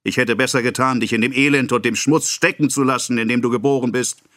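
A man's voice: on the high side, lively intonation, slow, sharp tone, no echo, studio quality, voice pushed up, exaggerated voice. A man playing a pompous raging apothecary. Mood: scolding. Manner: ranting, scolding, self-important. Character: pompous excitable middle-aged male apothecary. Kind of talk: audiobook character voice.

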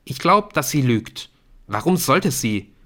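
A man voicing a gossiping teenage student who chatters excitedly. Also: mid-range voice, slow, voice pushed up. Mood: gossipy. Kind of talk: audiobook character voice.

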